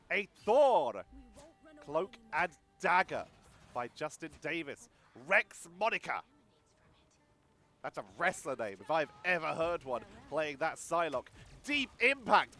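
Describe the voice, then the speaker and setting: This esports caster's voice sits high, pushed and bright, though stuffy and nasal from a cold. Working solo from home, he calls the match play-by-play and chats, thinking aloud between calls.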